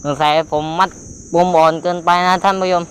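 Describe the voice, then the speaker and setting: A man commenting live to viewers while fishing, excitable and exclaiming, with light swearing. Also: sits high, brisk. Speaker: fishing vlogger. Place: outdoors by the water. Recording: outdoor with faint background noise.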